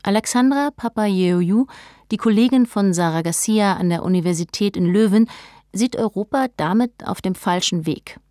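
A woman reading a scripted documentary narration in a measured, informative way. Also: mid-range voice, mellow, no echo, studio quality.

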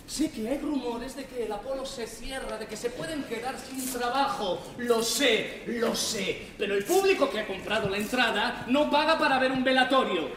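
A man's voice: very high-pitched, normal speed, a bit bright, far from the mic, a little hiss or hum. A man acting an exasperated, imperious theater director in stage comedy. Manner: sarcastic, imperious. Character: exasperated, bossy male theater director rehearsing a zarzuela. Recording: echoey hall from afar, music behind.

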